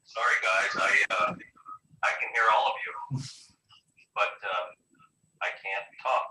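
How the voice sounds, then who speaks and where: A man's voice: fairly low pitch, bright, forceful tone, a little hiss or hum. A man calling in by phone, heard through a speakerphone, giving brief appreciative remarks at a committee meeting. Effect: phone call played over a speakerphone. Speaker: committee member. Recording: roomy, distant speakerphone sound.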